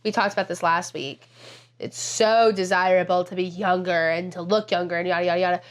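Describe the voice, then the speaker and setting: A woman's voice: fairly low pitch, steady tone, a little fast. A woman in her thirties co-hosting a podcast, talking casually and with emphasis. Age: 30s. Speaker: podcast co-host. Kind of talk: casual chat.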